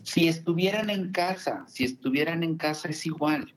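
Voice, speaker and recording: A man's voice: fairly high pitch, moderate pace, slight background noise. A man, working as a family counselor and speaking as a guest on a radio talk show. He tells stories in a chatty way, with many asides and tag questions.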